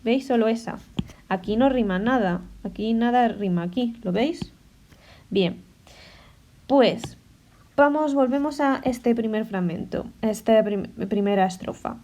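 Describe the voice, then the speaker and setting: A woman teaches a class in a relaxed, warm voice that sits a little high. She explains patiently and stops often to check that her students follow. She also sounds out word endings slowly. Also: a little hiss or hum. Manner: patient, checks understanding with short questions. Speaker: language teacher.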